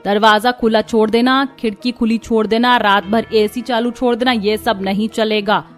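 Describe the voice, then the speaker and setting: A woman voicing a stingy, bossy middle-aged mother-in-law in a cartoon, sharp-tongued and scolding. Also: fairly high pitch, fairly even intonation, normal speed, faint music behind, close to an everyday voice. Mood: stern. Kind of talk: cartoon voice acting.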